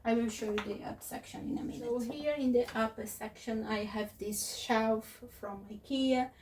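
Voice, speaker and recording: A woman who is not a native English speaker, giving a casual, unscripted tour as a vlogger in a hesitant, halting way. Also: on the high side, steady tone, a little mellow. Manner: hesitant, halting phrasing with searching pauses. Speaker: craft vlogger and presenter. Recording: distant mic with faint noise.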